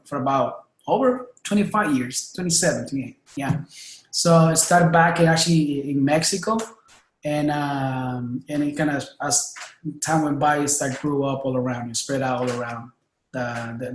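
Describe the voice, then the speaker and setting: A man's voice: fairly high pitch, slight background noise. A man in his thirties from Honduras with a Honduran Spanish accent, a native Spanish speaker, talking as a guest in a friendly, hesitant way. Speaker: guest, music school director. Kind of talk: casual interview. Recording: echoey room.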